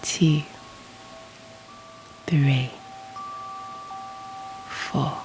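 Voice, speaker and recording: A woman leads a guided meditation at an extremely slow pace, in a low, soft and breathy voice that often nears a whisper. There is noticeable creak in her tone, and her manner is soothing and gently encouraging. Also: fairly even intonation, rough recording. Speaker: yoga nidra guide and channel host. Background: soft music.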